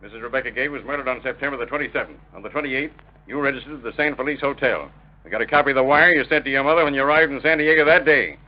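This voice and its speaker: Fast-talking hard-nosed cop played by a man. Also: medium pitch, lightly acted. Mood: accusing. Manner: brusque, clipped, accusatory. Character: hard-nosed male police officer, blunt and accusing. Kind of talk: 1930s-1940s radio crime drama acting. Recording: dull vintage radio recording.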